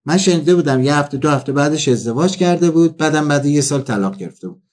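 A man delivering a comic storytelling monologue, acting out the people he quotes. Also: a little high. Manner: animated, acts out quoted dialogue.

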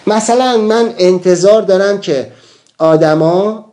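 A man's voice: high voice, mellow. A man giving a motivational talk, emphatic and addressing listeners with rhetorical questions. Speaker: motivational speaker.

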